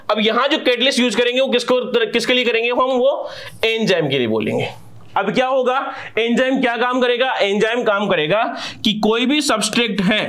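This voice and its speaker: Indian male teacher, lighter high voice, rhetorical question-and-answer lecturing. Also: pushed and bright, slight background noise. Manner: asks questions and answers them himself, calls listeners sahab. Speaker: chemistry teacher. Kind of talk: live class lecture.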